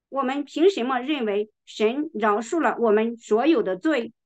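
A woman preaching a sermon, reading scripture slowly and with emphasis, now and then clearing her throat. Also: sits high.

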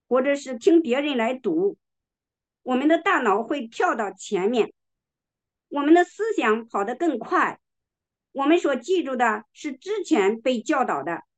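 A woman preaching a sermon, reading scripture slowly and with emphasis, now and then clearing her throat. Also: high-pitched.

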